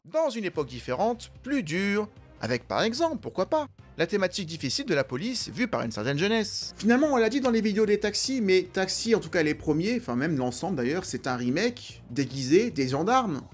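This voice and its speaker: A man's voice: high voice, very animated, fairly quick, breathy edge, soft background music. A man hosting an enthusiastic, chatty, opinionated film commentary. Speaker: film video host.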